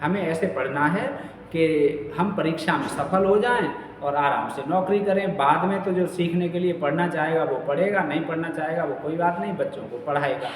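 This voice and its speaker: Male teacher, distant echoing room. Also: fairly high pitch. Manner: repeats each question and key word slowly, checking with "ठीक है". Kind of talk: exam-prep quiz lesson. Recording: far from mic in an echoey room with long reverb, faint noise.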